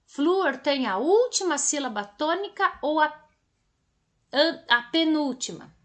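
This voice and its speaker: Brazilian woman teacher, high voice, unhurried lesson for kids. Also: very animated, a bit bright. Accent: Brazilian Portuguese. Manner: slow, drawn-out and didactic, stretching words for emphasis. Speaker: primary school teacher. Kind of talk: recorded remote lesson for children.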